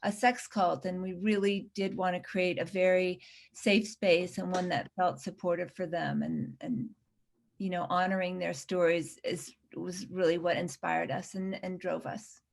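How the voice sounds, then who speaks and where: A woman's voice: lowish voice, little pitch movement, measured pace, vocal fry. A woman documentary director answering interview questions earnestly, often restarting her sentences.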